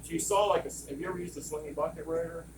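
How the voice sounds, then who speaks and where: A very fast-talking man with a fairly high pitch and fairly even intonation explains equipment in a hands-on training session, rambling casually and digressing. He is a service technician, and the distant mic catches heavy noise from the compressor, vacuum pump and other lab machinery around him.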